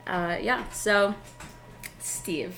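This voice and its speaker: A woman's voice: medium pitch, extremely slow, vocal fry, fairly bright tone. A woman from Queens, hosting a casual chat in an informal, somewhat hesitant way. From Queens, New York. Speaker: show host.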